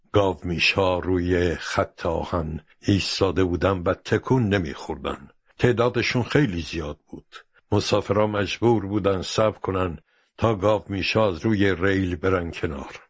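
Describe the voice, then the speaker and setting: A man narrating a storybook in a steady, measured way. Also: low voice, slightly rough, no echo, clean studio sound.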